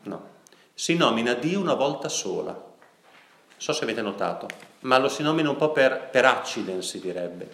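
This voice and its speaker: A man preaching in a church, his voice ringing through an echoey hall. He tells a story and asks his listeners questions, slowing to a crawl on the key words. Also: medium pitch, sing-song, creaky, a bit bright. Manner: storytelling, asks the audience questions, slows down for emphasis. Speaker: priest. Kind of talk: sermon.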